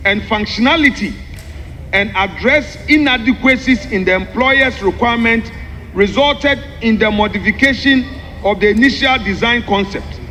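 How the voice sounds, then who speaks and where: A male member of parliament with a very high, bright voice gives a formal speech in a large parliamentary chamber, explaining a document point by point in an emphatic, deliberate manner. The hall echoes with long reverb and background noise.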